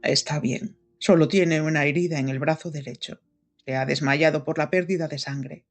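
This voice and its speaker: A woman reading the lines of a calm male police superintendent in a steady, soothing way. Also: sits low, moderate pace, soft background music.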